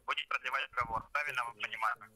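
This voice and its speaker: A man's voice: mid-range voice, steady tone, very fast, sharp tone. A man calling as a phone operator, talking in formal, bureaucratic phrases, heard over a glitchy line that keeps breaking up. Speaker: caller posing as phone operator. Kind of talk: scripted phone call.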